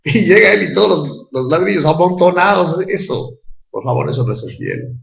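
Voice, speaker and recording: A man giving a sermon in a conversational, storytelling way, slowing down to stress key phrases. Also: fairly high pitch, animated, creaky, fairly bright tone. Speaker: preacher. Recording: echoey, dull hall recording.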